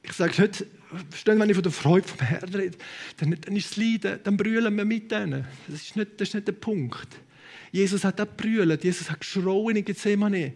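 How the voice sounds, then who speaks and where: High-voiced Swiss German preacher. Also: male voice, normal speed. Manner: impassioned, swings between loud proclamation and quiet asides; sprinkles English words into speech. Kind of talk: sermon. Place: church hall with a congregation.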